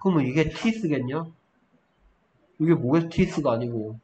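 High-voiced man tutoring, scolding and prodding. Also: lively intonation, moderate pace, warm tone, a little hiss or hum. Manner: scolding, repeatedly prompting with "어?". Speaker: English tutor. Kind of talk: one-on-one spelling lesson.

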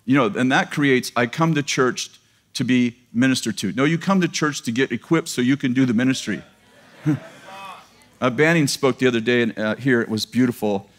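Speaking at a normal speed in a mid-range voice, this man in his fifties delivers a sermon through a headset mic to a live crowd in a big church auditorium. The pastor's style is casual and jokey, and he laughs at his own remarks.

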